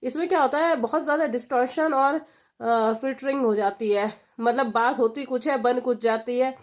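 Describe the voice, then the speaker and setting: This exam-preparation teacher speaks in a high register at a normal pace, and the audio sounds dull. Guiding her students one step at a time, she asks her own questions and then answers them.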